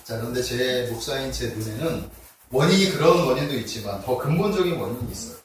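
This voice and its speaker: A male pastor delivers a conversational sermon in a church sanctuary, frequently checking in with the congregation. His mid-range voice is expressive and fast. The recording, made from far off in an echoey hall, carries slight background noise.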